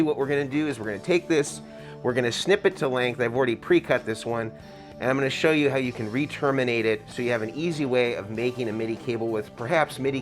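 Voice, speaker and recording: An American man hosts a hands-on tutorial, his voice muffled by a face mask. He explains things step by step at a middling pitch. Music plays faintly behind him. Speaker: tutorial host, guitar rig builder.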